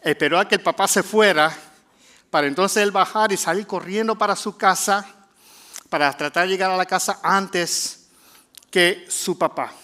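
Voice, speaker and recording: A middle-aged Puerto Rican pastor with a Puerto Rican Spanish accent preaches a sermon in a conversational style, frequently pausing with fillers. His voice sits high and sounds bright and forceful.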